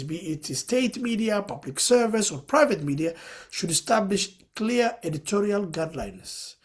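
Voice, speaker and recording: A high-voiced man from Somalia speaks as a panelist in a webinar discussion. He explains his points earnestly, filling his sentences with "you know."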